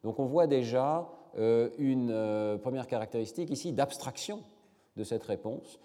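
A man's voice: mid-range voice, warm tone. Hesitant man lecturing in a hall. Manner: measured, many hesitations. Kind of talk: academic lecture with slides.

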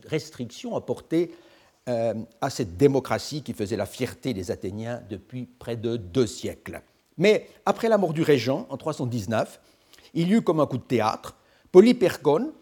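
An older man giving a formal academic history lecture, measured and lively in pitch, pausing often on fillers and restarts. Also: slightly rough.

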